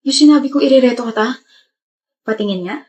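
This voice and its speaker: High-voiced woman in a comedy skit, sharp tongue, calls out a cheater. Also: fast talker. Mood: gloating. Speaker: lead actress in skits.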